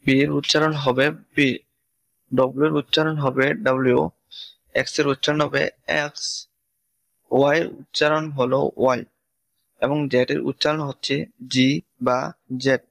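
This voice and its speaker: A man teaching English pronunciation, reciting letters in a steady, list-like way. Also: mid-range voice, moderate pace, pauses often, no echo, poor audio. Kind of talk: scripted pronunciation lesson.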